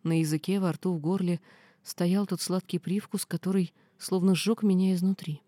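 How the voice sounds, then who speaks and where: A woman reading a first-person fantasy novel aloud in steady storytelling. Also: fairly low pitch, moderate pace, dry recording. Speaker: audiobook reader.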